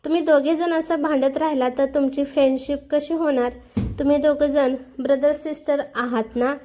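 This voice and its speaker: A patient young stepmother calmly reasons with quarreling children, as a woman storyteller voices her. Her voice is high and soft in tone. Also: normal speed, close to an everyday voice. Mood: coaxing. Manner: soothing, explaining.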